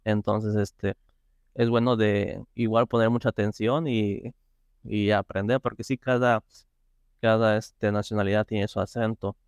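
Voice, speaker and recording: A man talks through a casual interview, pausing and restarting often around fillers. His voice sits low and sounds smooth and clear. The sound is dry and close. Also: level tone, dry recording. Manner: hesitant, many fillers and restarts. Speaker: interview guest, software tester.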